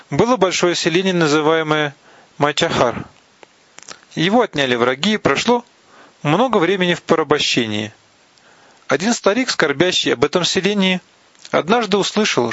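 A man giving a slow, deliberate reading of a religious text, pausing between phrases and sometimes restarting a word. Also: fairly high pitch, animated, a bit bright, dry recording. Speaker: reader of Buddhist teachings. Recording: dull, lo-fi, dry recording.

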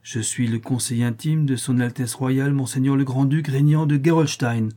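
A man's voice: mid-range voice, fairly even intonation, moderate pace, dark tone, pitched above the performer's own voice, natural voice. A man reading the lines of an older male counselor in an audiobook, earnest and emphatic. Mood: formal.

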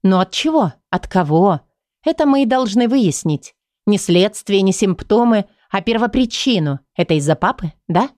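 A woman reading the lines of a calm, persistent female psychologist in an audiobook. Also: medium pitch, moderate pace, no room sound, clean studio sound, natural voice. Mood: insistent.

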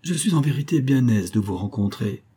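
A cheeky, cunning street boy wheedles and flatters, as a male audiobook reader plays him, pitched up above the reader's own low voice. The tone stays mellow and a little husky. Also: brisk. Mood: wheedling. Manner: wheedling, cajoling. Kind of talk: audiobook character voice.

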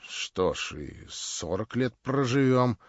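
Brooding aristocrat, low and restrained, voiced by a male reader; dull, dry sound. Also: animated, takes it slowly, no echo. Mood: cold.

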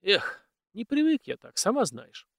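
A man's voice: sits high, huge pitch swings, a little slow, gravelly, dry recording, studio quality, voice pushed up, full character voice. A man voicing a cautious, dutiful old male house servant who speaks in a plain, folksy way. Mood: homely.

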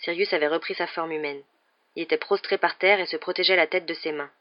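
An audiobook narrator reading a novel aloud in a steady, dramatic way. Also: medium pitch, fast, lo-fi sound.

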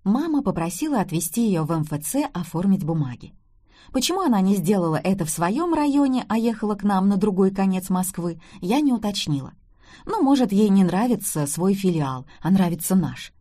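A woman's voice: medium pitch, mellow. A middle-aged woman narrating a family story in first person, with wry, dry humour.

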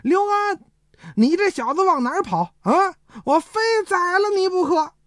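A woman voicing a man who pretends to be mad, raving and hurling loud insults. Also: very high-pitched, lively intonation, normal speed, no echo, studio quality, pitched above the performer's own voice. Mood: menacing. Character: wild man feigning madness, cursing.

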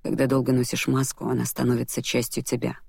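Reader doing a weary, detached nobleman in an audiobook, hushed and dry. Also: rumbling low, monotone, creaky, husky, no echo, exaggerated voice. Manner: quiet, measured, sighing. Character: calm, cold male nobleman, weary. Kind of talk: audiobook character voice.

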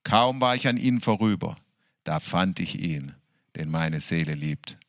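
A man in a worship service reading scripture with fervour, slowly drawing out his words and breaking into hallelujahs and laughter. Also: low voice, expressive, no echo, studio quality. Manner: fervent, exclaiming hallelujahs, laughing between verses; slow, drawn-out delivery. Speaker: worship leader.

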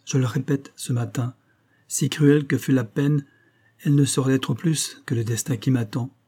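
Voix d'homme : un homme qui lit un jeune ingénieur angoissé, nerveux, timbre sombre et voilé. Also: male voice, mid-range voice, steady tone, moderate pace, warm tone, husky, natural voice. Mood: anguished. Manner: strained, pleading. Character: young male engineer, anguished, nervous.

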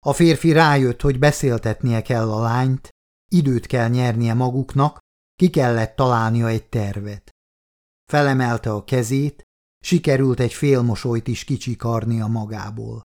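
Measured male audiobook narrator. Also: medium pitch. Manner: measured, expressive reading with hushed quoted lines.

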